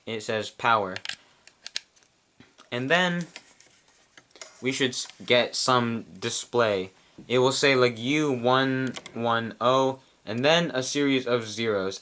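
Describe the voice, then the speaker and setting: A man casually explaining how to set up a model train address changer, chewing gum as he talks in a quiet room. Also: mid-range voice. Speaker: model train hobbyist reviewer. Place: quiet room at home with model track on a table.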